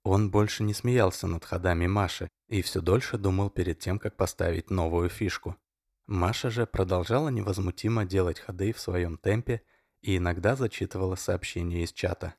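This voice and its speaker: A man narrating an audiobook in an even, measured storytelling manner. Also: sits low, no room sound, studio quality. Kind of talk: scripted narration.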